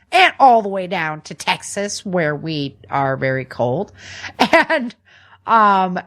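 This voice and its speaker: A mid-range, slightly bright female voice belongs to an American podcast host. She runs through the news in a chatty, informal way, adding slangy, casual commentary.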